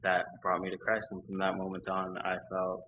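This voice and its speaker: A man's voice: low-pitched, monotone, moderate pace, sharp tone, slight background noise, rough recording. A young man giving a personal testimony in church, telling his story with energy and acting out his own quoted lines. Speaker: baptism candidate giving testimony.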